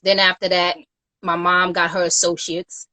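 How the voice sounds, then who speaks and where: A woman's voice: lowish voice, level tone, moderate pace, sharp tone, dry recording. A woman from Queens, a guest on a casual livestream interview, talking earnestly with many "you know"s. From Queens, New York. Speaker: guest, youth nonprofit founder.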